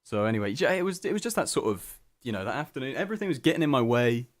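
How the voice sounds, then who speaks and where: A young man hosts a student radio show alone in a small studio, chatting on a studio microphone in a rambling, self-mocking, scatterbrained way full of restarts. His medium-pitched voice is very animated and racing, and the recording is dry.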